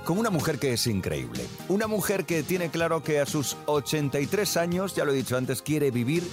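A man hosting a morning radio show, running a quiz and interviewing a guest with animated exclamations. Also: fairly high pitch, a little fast. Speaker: radio host. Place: radio studio. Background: music.

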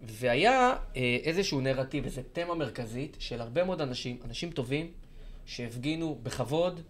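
A man's voice: mid-range voice, animated. A man co-hosting a podcast, steering the talk and building his points step by step. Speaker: podcast co-host. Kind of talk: casual chat.

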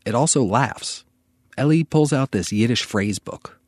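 A male radio reporter with a very lively, mid-pitched delivery. He reads scripted feature narration in a dry, close-sounding space. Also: unhurried, no echo.

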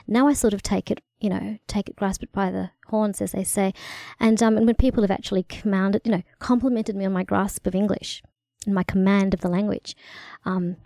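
A middle-aged woman with a country Victorian Australian accent and a noticeably creaky, mellow voice. She talks as an interview guest, articulate and wry, in a dry studio-like sound. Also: medium pitch, steady tone, a little fast, no echo. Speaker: guest, cross-cultural consultant. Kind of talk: conversational interview answers.

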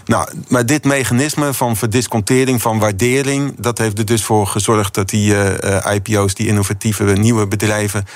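A man with a fairly low voice explains market mechanisms as a studio guest, pausing often with fillers and restarts. The sound is dry and close, with no room echo. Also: fairly even intonation. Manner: explanatory, hesitant with many fillers. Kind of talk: radio finance discussion.

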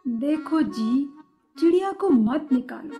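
A woman's voice: high voice, expressive, unhurried, dark tone, soft background music. A woman voicing a teasing, laughing mother. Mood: serious. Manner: laughing, mocking tone. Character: amused teasing mother, middle-aged woman.

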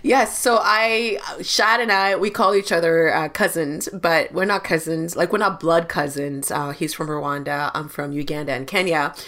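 Low-voiced chatty woman co-host. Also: moderate pace, hardly any pauses, a bit bright. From Canada. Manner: chatty, laughs often. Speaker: podcast co-host. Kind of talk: casual podcast chat.

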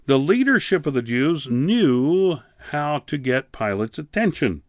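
A male Bible teacher gives a radio lesson at an unhurried, deliberate pace. He reads scripture and then comments on it, pressing hard on key words with sudden rises. His voice is dry and close, with no room sound. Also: a little high, big pitch swings, no echo.

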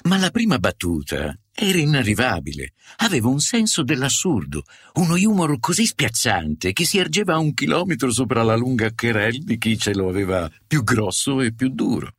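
A man's voice: medium pitch, sing-song, moderate pace, hardly any pauses, breathy edge, dry recording, studio quality. A man narrating a short story with a wry, ironic manner. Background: guitar music.

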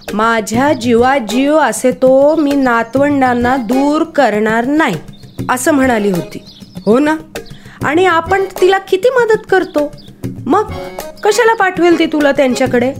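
A woman's voice: sits high, measured pace, soft background music, pitched above the performer's own voice. A woman voicing an earnest young boy who coaxes and reassures his little sister. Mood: reassuring. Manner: coaxing, reassuring. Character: gentle older brother, earnest young boy.

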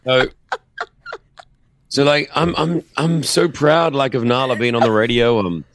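A man's voice: mid-range voice, measured pace, no echo. A man hosting a radio show, bantering and playing up mock offense at his co-hosts. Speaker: radio host. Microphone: studio microphone.

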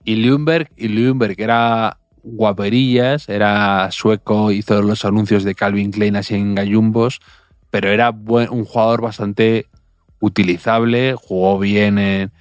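A man's voice: lowish voice, steady tone, a little slow, smooth, dry recording. A man co-hosting a casual football podcast, making wry, dry jokes and stammering into restarts. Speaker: podcast co-host. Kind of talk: casual chat about football.

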